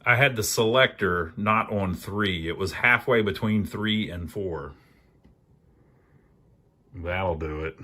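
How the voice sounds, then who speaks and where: A low-voiced man narrates slowly, pausing often, his delivery pushed and bright. He hosts an amateur electronics repair channel and talks through the work casually and folksily, thinking aloud.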